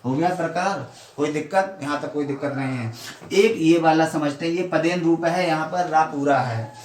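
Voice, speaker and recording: Man teaching with slow, patient explanations. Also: fairly high pitch. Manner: slow, repetitive explaining with frequent questions to pupils. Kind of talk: classroom-style grammar lesson. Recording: echoey room, mic at a distance, faint noise.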